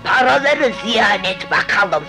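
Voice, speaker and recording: An actress playing a spiteful, nagging aunt who scolds sharply, in a 1970s dubbed film. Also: female voice, on the high side, lively intonation, slow pace, over music, low-quality recording. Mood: scornful.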